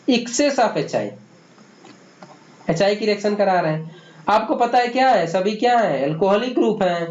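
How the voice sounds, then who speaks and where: Brief: high-pitched male chemistry tutor quizzing himself, dull lo-fi track. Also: darkish tone. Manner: asks questions and answers them himself, calls students "beta". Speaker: chemistry teacher. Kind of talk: exam-prep lecture. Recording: echoey room, dull lo-fi sound.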